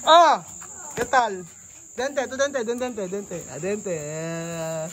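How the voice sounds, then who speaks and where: Playful, slow-talking Filipino man vlogging. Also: sits high, a bit bright, a little hiss or hum. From Philippines. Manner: playful, teasing, mixing in simple Spanish. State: out of breath. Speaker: travel vlogger. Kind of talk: casual vlog chat with local children.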